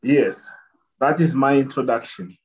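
A middle-aged man, a nurse giving a measured lecture over a video call, repeating points and pausing with many fillers. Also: mid-range voice, darkish tone. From Zambia. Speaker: nurse presenter. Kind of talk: explanatory lecture. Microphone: webcam on a video call. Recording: dull video-call audio.

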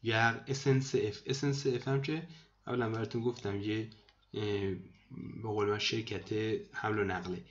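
A man teaching vocabulary to students in a screen lesson, repeating each word slowly and explaining it. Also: fairly low pitch, level tone, a bit bright, muffled recording. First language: Persian. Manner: repeats words slowly, addresses students as kids. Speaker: language teacher.

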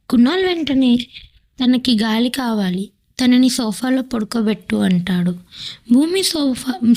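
A woman narrating a dramatic audiobook story in a steady, emotive reading. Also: a little high.

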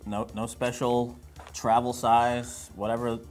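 A man's voice: medium pitch, level tone, unhurried, loud music behind the voice. Joking, rambling man unboxing a drink. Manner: joking, rambling, self-deprecating. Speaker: host. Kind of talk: casual unboxing chat.

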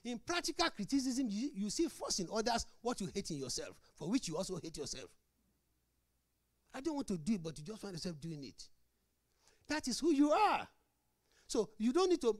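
A man's voice: extremely high pitch, brisk, no echo, studio quality. A middle-aged man, a pastor preaching a marriage sermon who tells stories and acts out both sides of conversations. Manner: animated storytelling, acts out both sides of dialogues.

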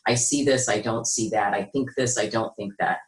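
This middle-aged American business consultant, a guest in an interview, explains her work calmly and conversationally, her intonation fairly even. She has a rich, deep, low-register voice. The audio comes through a computer mic on a video call from a small home or office room, sounding roomy and echoey.

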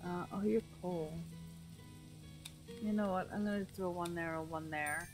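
A woman plays a city-building game and talks herself through each move at an unhurried pace. Her voice is wearing thin as she loses it, and she often restarts her sentences. Faint game music sits under her voice. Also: lowish voice, rough recording. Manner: thinks aloud, self-talk with frequent restarts. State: losing her voice. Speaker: gameplay streamer. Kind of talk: casual gameplay commentary.

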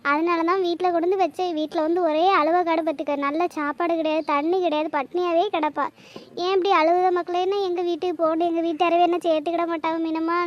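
Brief: a kindly older cartoon woman, very high and quick, apologetic and soothing. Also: dull audio. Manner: pleading, soothing, repeats her pet word for him.

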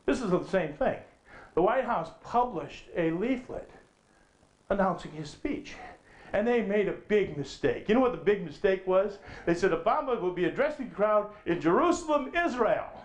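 Speaking at a normal pace, a middle-aged man with a high, expressive voice preaches at a conference lectern. The echoey hall carries his emphatic rhetorical questions and his rising voice whenever he quotes scripture.

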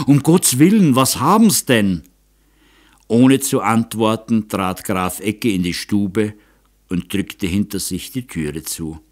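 A man reading an audiobook in a measured, dramatic way. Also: on the low side. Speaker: audiobook narrator. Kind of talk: scripted narration.

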